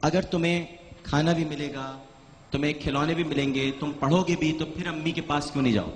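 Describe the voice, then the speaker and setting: A man's voice: fairly high pitch, a little fast. A man hosting a live TV show, coaxing and insistently questioning the people with him. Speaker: TV show host. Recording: hall reverb, faint noise.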